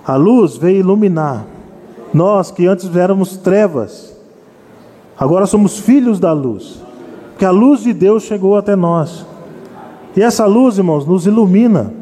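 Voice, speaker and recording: High-voiced earnest man preaching. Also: lively intonation, a little slow, mellow. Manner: earnest, repeatedly addressing the congregation as brothers. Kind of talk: sermon. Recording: long hall reverb.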